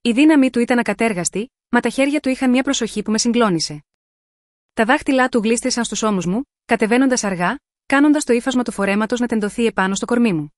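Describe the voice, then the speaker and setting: A storyteller reads a first-person romance in a calm, scripted, audiobook-like manner, measured and sensual. Her voice is slightly high, and the dry recording sounds close with no room around it.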